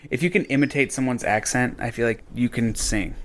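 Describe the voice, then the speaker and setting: A young man co-hosting a podcast, talking in a rambling, animated way with lots of fillers. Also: medium pitch, brisk. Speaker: podcast co-host. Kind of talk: casual chat.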